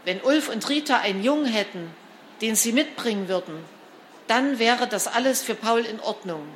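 A woman's voice: fairly high pitch, expressive, moderate pace, slight background noise. Woman reading a children's story aloud. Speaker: storybook reader. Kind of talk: scripted children's story narration.

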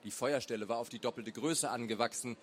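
A man narrating a story aloud in a measured, dramatic way. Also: medium pitch. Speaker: reader. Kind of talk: audiobook narration.

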